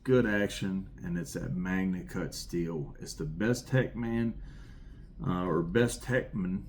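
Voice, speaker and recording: Deep and darkish, this man's voice takes things slowly over slight background noise. He's a middle-aged rural Southerner reviewing his knife collection, rambling eagerly and repeating himself as he shows the pieces off casually.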